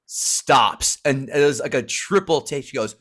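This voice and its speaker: A middle-aged man co-hosting a casual comedy podcast, swearing freely and telling stories with shouted-out quotes. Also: mid-range voice, a little slow, husky. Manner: profane, animated storyteller who shouts out quotes. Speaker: podcast co-host.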